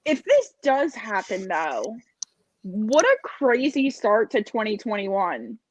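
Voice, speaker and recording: A woman's voice: medium pitch, sing-song, slow, lo-fi sound, a little hiss or hum. A woman in casual podcast chat, speaking hesitantly with trailing-off phrases.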